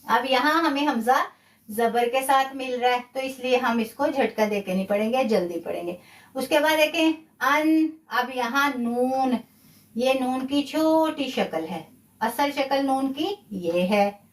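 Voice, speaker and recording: A woman's voice: high-pitched, a little slow, roomy sound, far from the mic. A woman with a Pakistani Urdu accent, patiently teaching a live online Quran recitation lesson, repeating key points and praising her students' answers.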